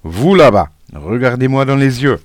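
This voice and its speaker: A man voices a stern, suspicious school supervisor issuing commands, pitching himself above his natural voice in a lightly acted performance. His mid-range delivery is very animated at a moderate pace, recorded with clean studio sound and no echo.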